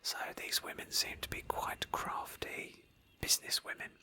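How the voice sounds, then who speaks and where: Speaking at a moderate pace, a woman narrates a roleplay game playthrough as its host, whispering breathily in a hushed, thoughtful ASMR style.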